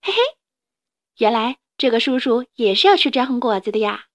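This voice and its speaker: A woman reading a storybook and voicing a cheerful, trusting young male tyrannosaurus who talks bright and eager. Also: a little high, fairly quick.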